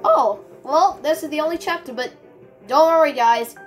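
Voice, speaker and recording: A woman's voice: high-pitched, moderate pace, faint music behind. Chatty woman narrating her gameplay. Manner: chatty, excitable, rambling with restarts. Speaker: gaming video creator. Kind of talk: casual gameplay commentary.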